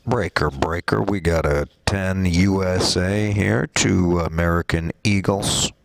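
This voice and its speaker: A man's voice: deep voice, fairly even intonation, slow, vocal fry, slight background noise. A man making a joking call over a police radio, heard in body camera video.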